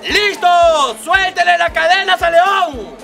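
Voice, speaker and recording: A man's voice: very high-pitched, animated, slow pace, gravelly, exaggerated voice. A middle-aged man playing a brash, money-grubbing circus ringmaster in a street comedy sketch, announcing like a showman. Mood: showman excitement. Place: outdoor street amphitheatre with audience. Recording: loud music and crowd noise.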